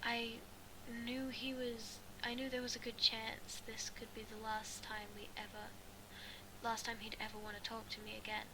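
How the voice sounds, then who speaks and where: A fairly high-voiced woman, an amateur fan fiction reader, reads a first-person story aloud over clear background noise. Her pitch stays in a very narrow, flat range, and she reads haltingly, stumbling over phrases and rereading them.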